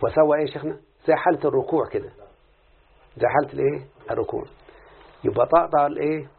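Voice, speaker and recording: A man's voice: a little high, very fast, gravelly, slightly rough. A man with an Egyptian accent teaching an Arabic morphology lesson, constantly quizzing his student with questions. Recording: phone-like lo-fi audio.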